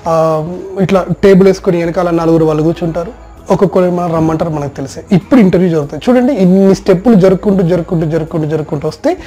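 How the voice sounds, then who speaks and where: A man working as a soft skills trainer, giving a direct instructional talk about job placement rounds. He speaks straight to the listener and runs through long lists of points. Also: fairly high pitch, very fast, soft background music.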